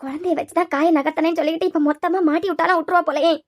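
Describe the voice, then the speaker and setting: A woman's voice: extremely high pitch, fairly even intonation, rapid-fire. A woman with a Kanyakumari Tamil accent voicing a fretful old grandmother who wails and laments over her grandchild in a cartoon serial. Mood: pleading. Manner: lamenting, wailing.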